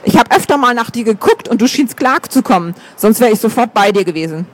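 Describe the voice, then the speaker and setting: A man reading a calm, reassuring older partner. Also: very high voice, a little fast. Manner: soothing, wry.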